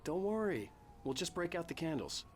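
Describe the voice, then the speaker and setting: An actor playing a male writer who gently reassures his wife and tells her a childhood story. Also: a little high, very animated, moderate pace, a little hiss or hum. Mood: reassuring.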